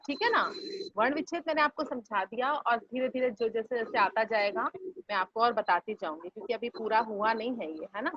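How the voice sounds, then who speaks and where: A woman teacher with a high voice patiently drills her pupils, saying each word again and breaking it into its sounds. The sound is dull and lo-fi. She asks the class often whether they follow. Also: sharp tone, no room sound. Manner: patient, repeats words syllable by syllable for students. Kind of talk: online class lesson.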